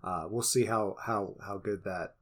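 A man co-hosting a casual movie chat in a bright, forward voice. He speaks slowly and unhurriedly. He is easygoing and agreeable and often stumbles over restarts. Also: fairly low pitch, fairly even intonation. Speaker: podcast co-host.

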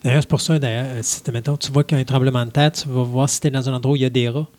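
A man's voice: medium pitch, steady tone, rapid-fire, a little mellow. A man, a curious co-host who asks questions and jokes in a casual chat.

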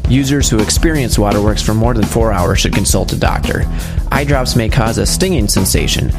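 A man giving a deadpan, scripted announcer read for a parody commercial. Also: lowish voice.

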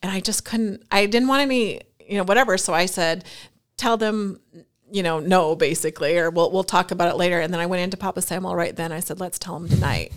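A middle-aged woman telling a personal story in an interview, animated and laughing between quick asides. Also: fairly low pitch. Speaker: guest.

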